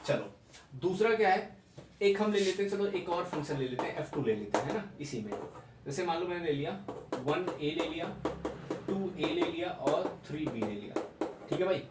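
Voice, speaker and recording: A man's voice: on the high side, animated, normal speed. A young man teaching maths in a classroom-style lecture, repeating key points and checking understanding with rhetorical questions. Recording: echoey room, mic at a distance, background noise.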